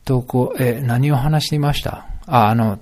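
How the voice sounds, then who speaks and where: A man's voice: medium pitch, moderate pace, darkish tone. A middle-aged man musing aloud in a solo podcast monologue, rambling with many fillers and self-corrections.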